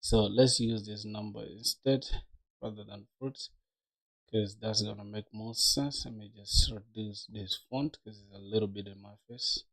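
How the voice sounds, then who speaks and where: Chatting loosely while he codes on stream, this twenty-something guy calls his viewers bro and dog and talks to them like friends. He speaks a little slowly in a lowish, slightly bright voice with fairly even intonation.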